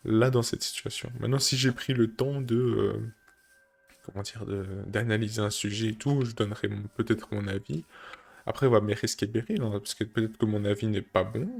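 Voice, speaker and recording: A man talking casually to camera, thinking aloud with many fillers and restarts, seated indoors on a creaky chair. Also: lowish voice. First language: French. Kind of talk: casual reflective monologue.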